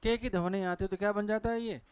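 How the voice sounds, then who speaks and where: A man with a Hindi accent teaches a class at a board, his voice high and crisp. He keeps asking questions and then answering them himself. The recording is dry and close. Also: steady tone, quick pace, dry recording. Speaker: English teacher. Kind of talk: classroom lecture on pronunciation.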